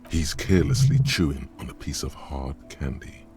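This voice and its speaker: An actor narrating a video game in the second person, measured and ominous. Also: male voice, a bass voice, darkish tone, faint music behind. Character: gravelly omniscient male game narrator.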